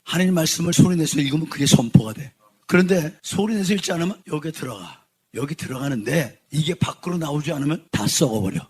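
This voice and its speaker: A man preaching a sermon at a brisk, rushing pace, his voice husky and a little breathy. He is a fervent pastor who drops to near-whispers and then rises to shouted praise. His voice sits somewhat high for a man. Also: expressive. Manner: fervent, swings from quiet to shouting.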